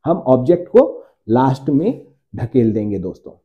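A man teaching English grammar to his viewers, slowing down to repeat each example sentence. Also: medium pitch, very animated, highs cut off. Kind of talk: Hindi-language grammar lesson.

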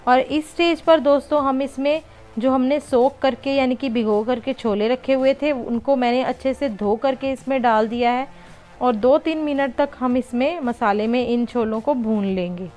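A woman's voice: sits high, moderate pace, darkish tone, faint music behind. A woman hosting a home cooking channel, patiently explaining each step of a recipe in a voice-over and often calling her viewers friends.

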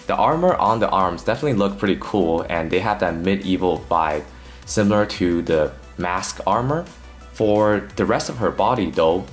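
A man with a low, deep voice hosts his own toy review as a voice-over. He talks through the unboxing in an earnest, scripted way with the odd light joke, and soft music plays faintly underneath.

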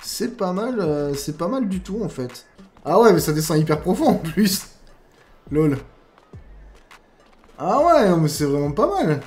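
A gaming YouTuber with a non-standard French accent casually reviews mods over gameplay, using many fillers and friendly asides and calling viewers "guys." His high voice swings widely in pitch, he speaks at a measured pace with long pauses, and faint music plays behind him.

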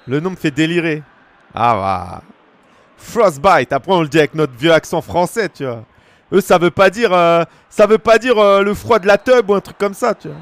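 A man's voice: fairly high pitch, animated, normal speed. A man in his thirties from France, streaming a football game and bantering with his chat in slangy, joking asides. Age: 30s. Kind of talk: casual gaming stream chat.

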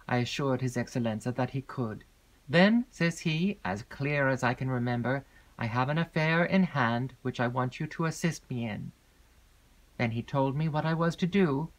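A woman voicing a gloomy, secretive male porter in an audiobook, speaking slowly and gravely with long hesitations. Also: extremely low pitch. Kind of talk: audiobook character reading.

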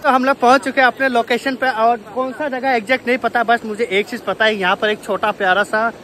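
A man's voice: extremely high pitch, steady tone, brisk, bright, forceful tone. A young man vlogging outdoors by a river, chatty and playful, laughing often, recorded on a phone held at arm's length. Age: young adult. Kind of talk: casual outdoor vlog chat. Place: outdoors by a river and on a village road. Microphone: phone camera at arm's length.

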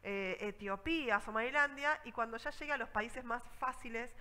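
Mujer rioplatense de voz brillante, anécdotas. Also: female voice, a little high, moderate pace, long reverb tail, rough recording. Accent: Rioplatense Spanish. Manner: lively storytelling, acts out scenes. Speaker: travel speaker. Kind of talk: conference talk with anecdotes.

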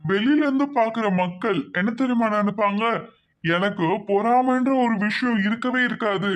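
A man's voice: high-pitched, normal speed, lightly acted. A man voicing a rich, lonely cartoon man who talks in a chatty, coaxing way and slips English phrases into his speech. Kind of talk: animated cartoon dubbing.

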